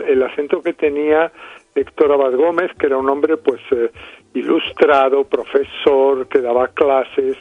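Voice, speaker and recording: A middle-aged man from Spain with a Spain Spanish accent, a film director answering radio interview questions thoughtfully, often pausing and restarting. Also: on the high side, no echo. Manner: thoughtful, frequent hesitations and restarts. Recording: dry, tinny phone line.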